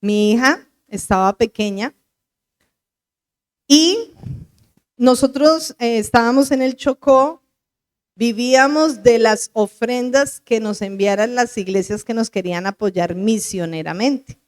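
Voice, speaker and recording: A woman pastor preaches, her voice sitting a little high. She tells her own testimony in earnest, slowing down and drawing out the words she wants to land. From Bogotá, Colombia. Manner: earnest storytelling with slow, stretched emphasis on key words. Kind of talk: sermon with personal testimony.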